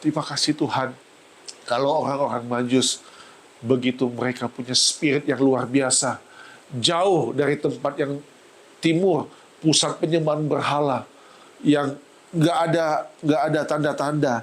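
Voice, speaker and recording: A man preaching a heartfelt church sermon, his voice climbing high when he is moved and sounding tearful. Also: fairly even intonation, unhurried, pauses often, husky, poor audio. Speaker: pastor. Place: church service.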